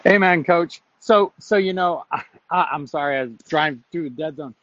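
A man calling in to a talk show from his car, his fairly high voice coming through a dull, muffled phone line. He speaks with preachy emphasis and rushes from point to point. The line sounds dry, with no room around him. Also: fairly bright tone, dry recording. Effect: phone call from a moving car. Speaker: caller. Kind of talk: call-in talk show chat.

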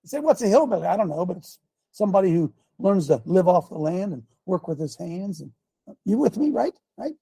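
An older man with a high-pitched, gravelly, husky voice preaches emphatic commentary. He repeats his points and keeps asking his listeners rhetorical questions, clearing his throat along the way. The recording is close and dry. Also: big pitch swings, a little fast, warm tone, no room sound. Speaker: show host.

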